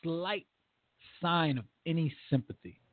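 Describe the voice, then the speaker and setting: With a slightly high voice and a measured pace, this podcast host leads a casual discussion in an animated, emphatic way, performing quotes as he goes. The recording is dry, phone-like and without echo.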